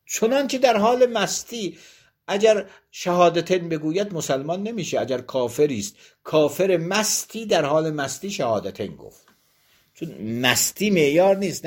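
A man with a husky voice gives a seminary lecture on religious law. His pitch rises and falls in a lively way as he reads a passage aloud and then unpacks it plainly, point by point. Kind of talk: seminary lecture, reading and explaining a text.

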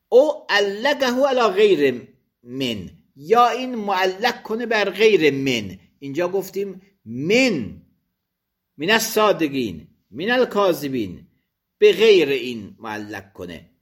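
Guy giving a religious law lesson, reads a bit then explains it, voice goes up and down a lot. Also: high voice. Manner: reads Arabic text aloud, then explains each phrase; thinks aloud with quick self-corrections. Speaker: teacher.

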